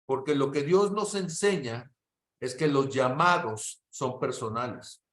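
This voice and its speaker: A man's voice: medium pitch, unhurried, fairly bright tone, reverberant. A middle-aged man teaches a church class. He tells stories with animation and keeps checking in with his listeners.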